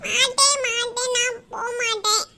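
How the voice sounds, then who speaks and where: A woman voicing a small, stubborn little girl who is scared of school, speaking in a whiny, pleading, drawn-out way. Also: very high voice, fairly even intonation, bright, forceful tone, heavily acted.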